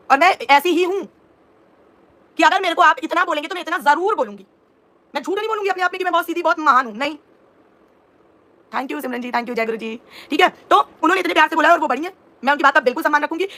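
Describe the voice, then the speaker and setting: A woman's voice: sits high, sharp tone. A woman in her thirties livestreaming as a reaction vlogger, indignantly explaining herself and answering viewers' comments. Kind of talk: live-stream talk to viewers.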